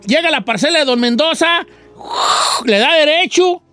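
High-voiced Mexican man telling a tall tale. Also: lively intonation, moderate pace, bright, forceful tone. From Michoacán, Mexico. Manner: theatrical, campy, calls listeners "hija" and "chiquita". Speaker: storyteller on a comedy show. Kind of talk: comic storytelling.

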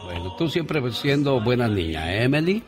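Male radio host, avuncular storyteller and chatty moralizer, highly animated intonation, music bed underneath. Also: moderate pace.

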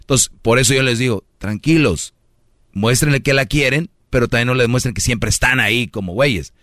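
A man's voice: mid-range voice, a little fast, fairly bright tone, no room sound, studio quality. A man hosting a casual radio show, teasing his co-host and giving dating advice at length. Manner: talkative, teasing, acts out voices of young women.

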